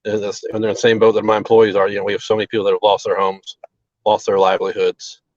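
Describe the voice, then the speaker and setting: A man, a restaurant owner, talks in a halting, earnest way full of fillers over a choppy, breaking-up call connection. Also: lowish voice, little pitch movement, a little mellow, no room sound. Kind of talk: live remote interview. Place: outdoors near a relief center. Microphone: video call over a bad mobile connection. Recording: dull lo-fi call audio, very dry.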